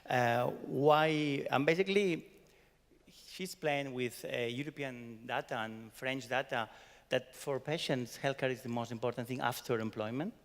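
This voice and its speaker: A man's voice: mid-range voice, normal speed. A man from Barcelona with a Catalan-accented Spanish accent, giving a chatty conference talk and tagging his sentences with "no?". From Barcelona, Spain. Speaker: conference speaker. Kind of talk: conference talk summarizing a workshop. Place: conference hall. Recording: long hall reverb.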